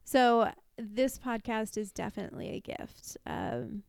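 A woman co-hosting a podcast, speaking in an upbeat, unhurried way. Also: a little high, fairly even intonation, creaky. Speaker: podcast co-host. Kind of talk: casual podcast chat.

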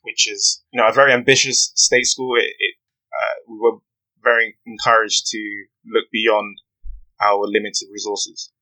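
A young man, giving an earnest, measured account as a podcast interview guest. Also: on the low side, flat delivery, sharp tone, poor audio. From West London, UK. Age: 20s. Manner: earnest, measured storytelling with frequent "you know". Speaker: guest, aspiring barrister.

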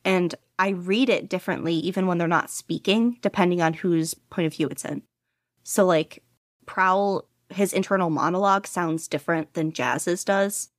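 Low-pitched and recorded at studio quality without echo, a woman chats as a guest on an interview. She's a podfic narrator, and her talk wanders in a lively, self-deprecating stream, often breaking into laughter at her own expense.

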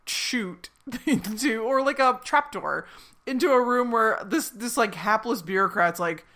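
A woman's voice: on the high side, lively intonation, a little slow, fairly bright tone. A woman podcast co-host in casual chat, animatedly retelling a TV episode with frequent giggles and fillers.

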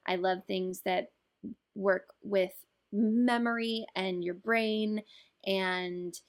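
A woman with a mid-pitched voice hosts a casual film podcast. She speaks with emphasis and open enthusiasm, in a loose, chatty style. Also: fairly even intonation, drawn-out words. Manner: enthusiastic, emphatic, swears freely. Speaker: podcast host.

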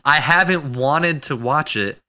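A man's voice: a little high, a little slow, a crowd in the background. A man co-hosting a casual podcast, joking bluntly and swearing casually. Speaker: podcast co-host.

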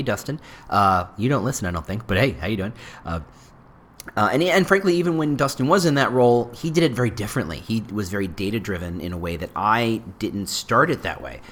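Lively rambling male podcast host. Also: medium pitch. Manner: rambling, self-interrupting, lively delivery. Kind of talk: casual solo podcast talk.

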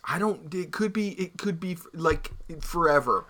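A man co-hosting a podcast, chatting casually with rambling jokes and quick asides. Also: on the high side, expressive, pushed and bright. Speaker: podcast co-host. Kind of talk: casual chat.

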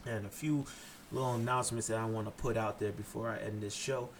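A man's voice: lowish voice, fairly even intonation, fairly quick, background noise. A man from Haiti hosting a solo podcast, blunt and impassioned, cursing freely as he lectures his listeners. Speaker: podcast host.

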